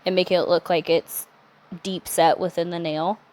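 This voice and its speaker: A woman's voice: fairly low pitch, moderate pace. Chatty woman giving a nail tutorial. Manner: chatty, relaxed, self-correcting asides. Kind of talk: casual step-by-step tutorial narration.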